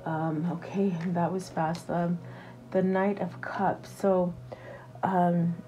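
Woman tarot reader, casual chat to camera, lowish dark warm tone, halting and reassuring with lots of fillers. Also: flat delivery. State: hiccups.

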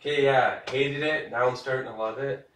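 A man speaks loosely as a podcast guest, full of slang and jokes. His mid-pitched voice sits a bit back from the mic. The room around him rings with echo. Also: steady tone, normal speed, a bit bright, slight background noise. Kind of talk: casual chat. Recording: roomy sound from a distance.

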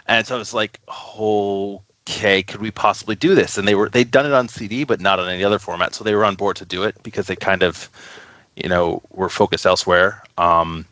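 Speaking a little fast, this man has a fairly low, somewhat bright voice with fairly even intonation, recorded without echo. He's a podcast guest and co-founder of a record label, rambling eagerly through work stories in a relaxed interview chat.

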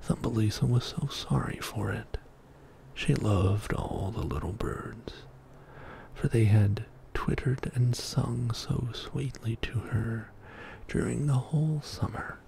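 In a small indoor studio, a middle-aged man reads a bedtime story as ASMR, whispering softly and breathily right up close to the microphone. His mid-range voice stays slow, hushed and soothing throughout.

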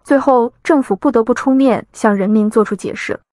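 A woman narrating a scripted news summary in an even, informative tone. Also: fairly high pitch, moderate pace, dry recording, studio quality.

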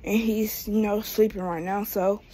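This is casual vlog chatter from a 22-year-old American woman who wanders on foot through a small indoor room at home, phone at arm's length. She speaks at a moderate pace in a flat, mid-range voice that's mellow and slightly rough.

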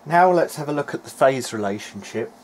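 Talking fairly quickly and with animation, this hobbyist presenter of an electronics repair video diary walks through his work in a casual, technical way, a little hesitant as he thinks out loud. His voice is mid-range, and a slight hiss or hum can be heard.

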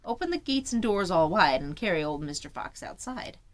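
A woman's voice: medium pitch, lively intonation, a little fast, lightly acted. A woman voicing a vain widowed vixen who gives orders in an imperious manner. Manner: imperious, demanding.

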